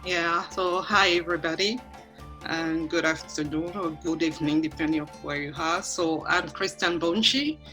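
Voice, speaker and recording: A woman's voice: lowish voice, normal speed, pushed and bright, faint music behind. A woman from Cameroon, a research scientist, introducing herself on an online panel, with many fillers and restarts.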